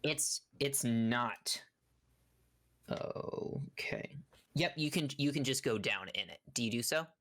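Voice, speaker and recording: A woman's voice: rumbling low, expressive, slow, a bit bright. A woman running a tabletop game as game master, narrating casually with hesitations and self-corrections.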